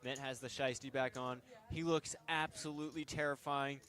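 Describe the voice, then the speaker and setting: Young man, casual poker stream commentary, joking, rambling, mid pitch. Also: steady tone, moderate pace, a bit bright.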